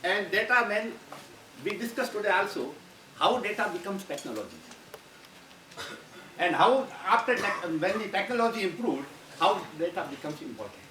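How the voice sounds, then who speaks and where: A man's voice: high voice, lively intonation, normal speed, pushed and bright. A man giving a university lecture, rambling and restarting his phrases. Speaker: guest lecturer. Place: lecture hall. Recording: roomy, distant mic, audible background noise.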